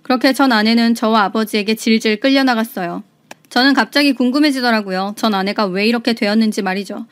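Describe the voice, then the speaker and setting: A woman's voice: fairly high pitch, fast, smooth. A woman narrating a reader's story in a scripted, storytelling way.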